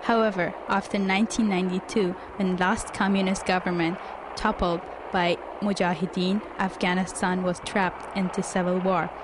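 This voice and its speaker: A woman giving measured, formal, scripted documentary narration. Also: on the low side, flat delivery, very noisy.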